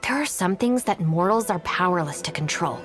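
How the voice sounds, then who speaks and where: A woman's voice: on the low side, expressive, fairly quick, music in the background, lightly acted. A woman voicing a cool, practical young woman in a video game, with a dry, businesslike, matter-of-fact delivery. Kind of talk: English game voice acting.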